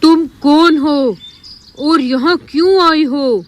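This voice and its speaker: A gruff male dinosaur from a bedtime storybook who speaks in slow, bargaining lines, as a woman narrator puts him on. Her voice stays fairly high underneath, with faint outdoor noise behind it. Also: expressive. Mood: demanding.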